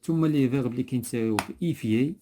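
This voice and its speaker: A man's voice: medium pitch, racing, warm tone, a little hiss or hum. A man with a Moroccan Arabic accent teaching a French lesson in class, patiently repeating terms and prompting a pupil to finish words. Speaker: primary school French teacher.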